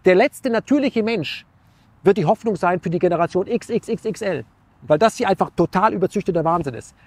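A man speaks in a high, light voice, recorded dry and close to the mic. He muses earnestly, asking rhetorical questions and restarting his sentences as he searches for words. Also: lively intonation, fairly quick, no room sound. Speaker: interview guest. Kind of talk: reflective philosophical talk.

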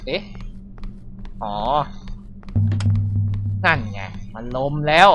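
A man's voice: mid-range voice, sing-song, drawn-out words, bright, forceful tone, faint music behind. A man giving casual, reactive let's-play commentary on a horror game, with frequent exclamations. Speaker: gaming streamer.

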